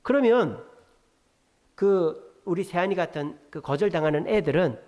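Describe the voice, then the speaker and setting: A man's voice: high-pitched, expressive, measured pace. A man preaching a sermon at a Friday prayer meeting, telling a story and questioning the congregation directly. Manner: storytelling, acts out quoted dialogue in a softer voice. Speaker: pastor.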